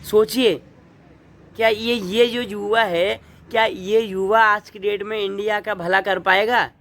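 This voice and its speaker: A man's voice: high voice, flat delivery, measured pace, fairly bright tone. A young man from Uttarakhand, India, giving earnest, indignant opinion commentary as a vlogger, asking the viewer pointed rhetorical questions.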